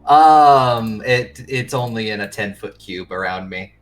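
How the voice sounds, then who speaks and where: A man's voice: on the low side, unhurried, over music. A man playing in a tabletop game, casually explaining his character's actions with some hesitation. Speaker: player.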